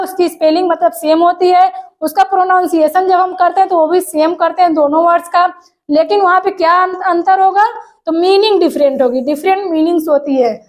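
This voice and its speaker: Female teacher, very high pitch, explains step by step with rhetorical questions and slow read-out definitions. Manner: reads definitions slowly. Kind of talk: exam-prep language lesson.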